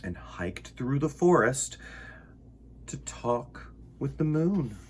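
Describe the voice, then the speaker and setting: A man hosts a children's storytime, animatedly reading a picture book and chatting directly to his young listeners. His medium-pitched voice is expressive and emphatic, and he takes his time. There is slight background noise.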